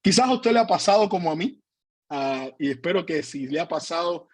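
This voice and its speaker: A man's voice: a little high, expressive, a little fast, husky, no echo. A man, a pastor giving an earnest online teaching talk, hesitating often with fillers, on a computer mic during a video call. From Cuba.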